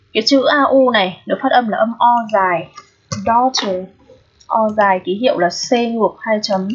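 A woman with a slightly husky voice talks students through a pronunciation lesson. She is patient and often checks in with them through quick questions. The recording is dull and lo-fi. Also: on the high side. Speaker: English teacher.

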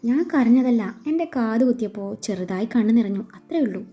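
A woman's voice: on the high side, lively intonation, brisk, lightly acted. A woman voicing a shy young bride-to-be who jokes about herself in a read-aloud story. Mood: wry. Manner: wry, self-deprecating. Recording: slightly dull with faint music.

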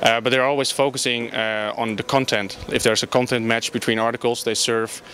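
A man's voice: mid-range voice, flat delivery, brisk, pushed and bright, a little hiss or hum. A young Dutch man, a startup founder, answering interview questions in English with many filler sounds and restarts, in a large conference hall on a handheld mic. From Netherlands. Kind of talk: conversational interview.

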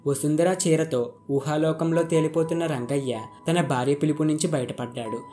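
Male storyteller, scripted narration, mellow slightly high voice, faint guitar underneath. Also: steady tone, normal speed. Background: faint guitar music.

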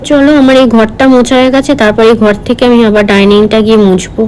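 A woman's voice: fairly high pitch, fast, a little mellow, a little hiss or hum, poor audio. A woman, chatting casually through a home vlog, rambling with many fillers. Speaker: vlogger.

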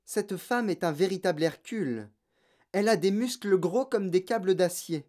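A narrator voicing a gentle young schoolteacher in an audiobook, speaking patiently and firmly. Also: medium pitch, expressive, moderate pace, voice pushed up, lightly acted. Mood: earnest. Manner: patient, firm, softly reasoning. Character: gentle young female teacher, calm and principled. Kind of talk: audiobook character voice.

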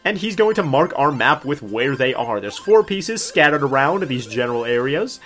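Lively young man commentating on a game. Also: mid-range voice, normal speed, faint music behind. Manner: informal, rambling. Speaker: gaming host.

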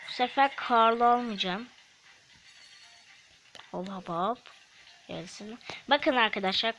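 A woman's voice: fairly high pitch, a bit bright, poor audio. A woman hosting a gaming channel, commentating her play in a chatty manner and snapping at opponents. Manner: chatty, quick to snap at opponents. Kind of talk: game commentary. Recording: faint background noise.

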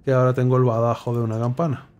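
A young man talks his way through a puzzle game, reading clues half to himself and breaking into sudden excited cries when something clicks. His voice sits at an ordinary middle pitch for a man, and the tone stays loose and conversational. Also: very fast, highs cut off. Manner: thinks aloud, muttering clues, sudden excited exclamations. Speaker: gameplay streamer. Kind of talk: casual puzzle game commentary.

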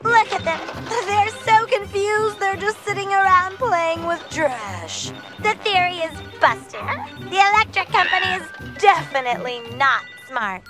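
Francine Carruthers, a smug high-voiced cartoon host. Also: female voice, lively intonation, a little slow. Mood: gloating. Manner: boastful, mocking. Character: vain scheming female TV host. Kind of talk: cartoon voice acting. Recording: music playing under the voice.

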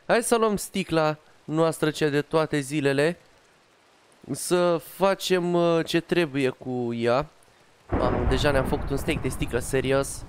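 A man's voice: a little high, smooth. A man casually commenting as he plays a building game, chatting to himself and to an in-game dog. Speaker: gaming youtuber. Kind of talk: casual Minecraft let's play commentary.

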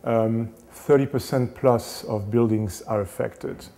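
In a small indoor studio set, a renovation specialist in his thirties delivers a casual lecture to the camera through a lapel mic. His mid-range voice is dark with vocal fry, and he halts often, using many fillers and restarting sentences.

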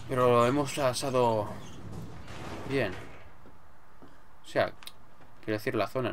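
A man's voice: medium pitch, slight background noise. A man with an accent from Spain giving casual, sweary gameplay commentary, muttering to himself as he plays. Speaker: gamer, let's player. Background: game music.

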